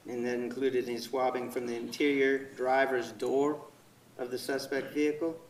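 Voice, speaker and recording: A male attorney questions a witness in a formal, methodical way, step by step. His mid-pitched voice sounds far from the microphone in a very echoey courtroom. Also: flat delivery, moderate pace. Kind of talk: courtroom direct examination. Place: indoor courtroom.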